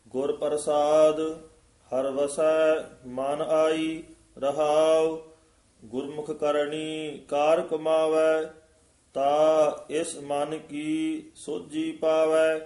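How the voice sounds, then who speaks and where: A man reciting scripture in a slow, sung chant as a student repeating a teacher's corrections. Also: fairly high pitch, completely flat delivery, a little mellow, reverberant.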